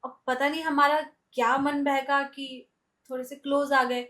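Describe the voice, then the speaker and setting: A woman playing a lonely middle-aged aunt who defends herself and tries to calm the quarrel in a comic family skit. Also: high-pitched, measured pace. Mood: defensive. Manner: defensive, coaxing.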